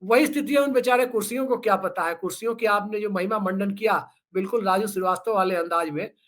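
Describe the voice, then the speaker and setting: A man with a notably high-pitched voice talks as a guest commentator in a casual political discussion. He is sarcastic and joking, drifting into storytelling asides to make his points. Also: fast, fairly bright tone.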